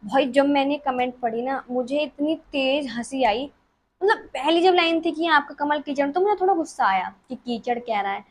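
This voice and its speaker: A woman's voice: high-pitched, normal speed. A woman of twenty, chatting casually as a vlogger answering follower questions in her bedroom, giggly and self-mocking. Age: 20s. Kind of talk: casual chat.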